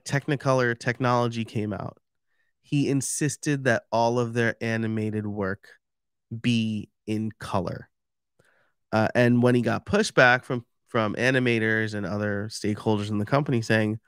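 A man's voice: mid-range voice, clean tone, no room sound, studio quality. A man with a New York accent giving a casual, chatty livestream talk and explaining step by step with many fillers. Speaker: podcast expert giving a live stream talk.

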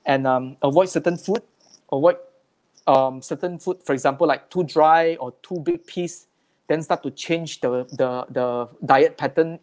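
A male speech therapist walks listeners through a health talk with slides. His voice sits a little higher than most men's. He explains in plain terms and often repeats words while finding his phrasing. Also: a little mellow.

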